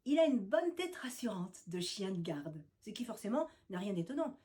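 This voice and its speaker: A woman storyteller reading a scripted tale aloud in a lively, expressive way. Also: medium pitch, moderate pace.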